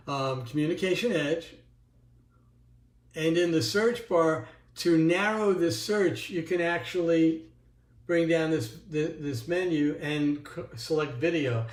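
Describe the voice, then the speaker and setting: A man with a fairly high voice leads a casual screen-share workshop, narrating each click as he goes. He talks loosely, with plenty of ums and restarts. The recording has an echoey room sound. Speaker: workshop presenter. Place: indoors at a computer.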